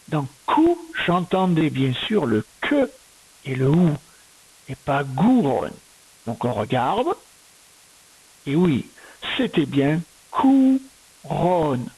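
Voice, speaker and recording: A woman's voice: low-pitched, sing-song, a little mellow, husky, rough recording. A woman teaching a young child to spell, sounding out words one syllable at a time in a patient, step-by-step way. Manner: slow, patient, syllable-by-syllable dictation. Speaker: primary school teacher. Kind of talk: recorded reading and spelling lesson for a young child.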